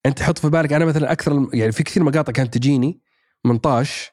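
A man's voice: fairly high pitch, racing, a little mellow, no room sound, studio quality. A man, chatting casually as a podcast guest, thinking aloud with many fillers and restarts. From Saudi Arabia. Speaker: podcast guest, actor and writer. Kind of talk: casual chat.

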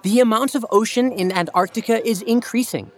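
A woman's voice: a little high, moderate pace, no echo, lightly acted. Eager, chatty young woman, voiced by an actress, in a dry room. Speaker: dialogue actor.

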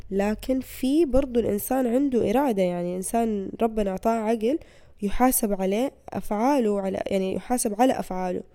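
A young woman, hosting a podcast as a casual monologue and acting out the people she quotes. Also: on the high side. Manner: animated, acts out quoted people. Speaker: podcast host.

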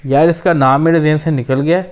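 A man's voice: on the high side, steady tone, clean tone. A man from Pakistan hosting a podcast, chatting casually and explaining things, with English phrases mixed into his talk. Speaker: podcast host. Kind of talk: casual chat.

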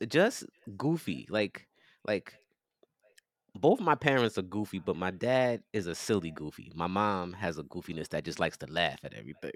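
Deep-voiced laid-back guy on a podcast, voice swings up and down, dry close sound. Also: a bit bright, no echo. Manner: laid-back, laughs and sighs often. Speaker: podcast co-host. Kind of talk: casual chat.

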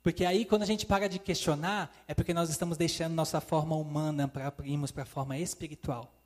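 A man's voice: on the high side, fairly even intonation, a little fast. A man preaching a sermon, calling listeners "dear ones" and acting out God's words in quotes. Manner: addresses listeners as "queridos", acts out God's voice in quotes. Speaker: evangelist preacher. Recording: long hall reverb.

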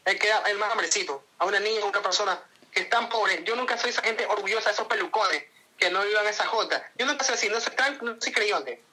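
A man with an Ecuadorian accent answers interview questions at a quick clip. His voice is bright and forward, and he rambles earnestly, often restarting his sentences. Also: high-pitched, rough recording. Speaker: interview guest. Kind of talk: casual interview chat.

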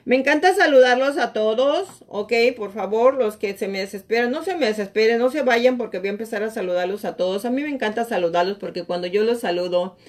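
A woman's voice: medium pitch, quick pace, hardly any pauses. A woman hosting a live real estate talk show. She gives a motivational pep talk, tells anecdotes and acts out what her friends said, then coaxes her viewers to respond. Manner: animated storytelling, acts out friends' quotes, coaxing viewers.

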